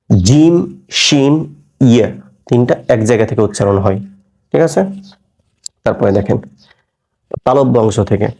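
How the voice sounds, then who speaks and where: A man with a Bangladeshi Bengali accent teaching Quran reading, slowly drilling letter sounds and checking that his students follow. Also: medium pitch, warm tone. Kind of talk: recorded reading lesson.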